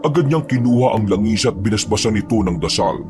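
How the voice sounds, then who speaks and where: A man narrating a horror story in a steady, grave manner. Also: fairly low pitch, brisk. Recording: narration over loud music.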